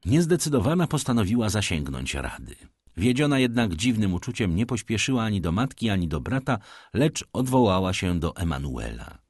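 A man reads a novel aloud as an expressive storyteller. His voice is very deep yet moves a lot in pitch, and the recording is close and dry. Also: a little fast, husky, dry recording. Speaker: audiobook narrator. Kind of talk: scripted literary narration.

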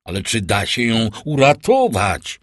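A man's voice: lowish voice, huge pitch swings, unhurried, a bit bright, no room sound, heavily acted. A man voicing a frightened, middle-aged father, alarmed and raised in tone.

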